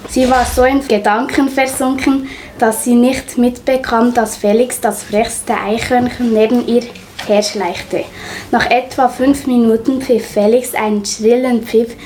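A woman reading a children's story aloud in a steady, deliberate way. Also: a little high, a little hiss or hum, poor audio.

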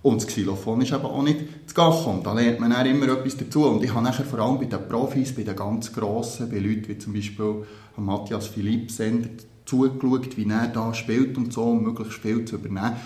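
A man's voice: medium pitch, fairly even intonation, a little fast, darkish tone. A man, a percussion teacher answering interview questions earnestly and thoughtfully, with small hesitations. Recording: roomy echo.

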